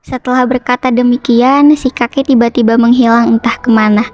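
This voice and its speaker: A young woman narrating a folk legend in a steady storytelling manner for a school drama. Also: fairly high pitch, fairly quick, dull audio. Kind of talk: reading a folk legend aloud.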